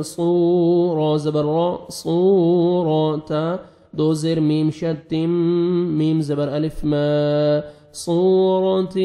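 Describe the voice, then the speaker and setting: A man with a Pakistani Urdu accent teaches recitation of the Quran in a mellow voice that sits a little high for a man. He spells out each syllable by letter and vowel mark, then recites the words in a slow, loud, drawn-out way.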